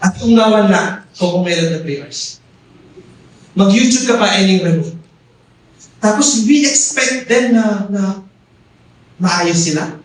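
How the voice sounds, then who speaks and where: A man's voice: high voice, animated, slow pace, long pauses. A middle-aged Filipino man preaching a Taglish sermon as pastor, often calling out "amen?" to the congregation. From Philippines. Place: church hall. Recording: echoey hall, mic far off.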